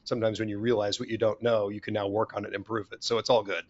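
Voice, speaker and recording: A man's voice: fairly low pitch, level tone, racing. A man speaking as a panelist on a business webinar, his voice scratchy from allergies. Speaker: panelist, safety executive. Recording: slightly dull video-call audio.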